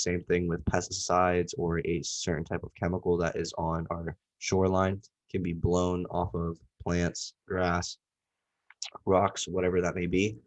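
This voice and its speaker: His low-pitched voice, slightly mellow and congested with a cold, carries through poor audio. He's a young man from Southwest Florida delivering a loose, meandering class presentation full of filler words.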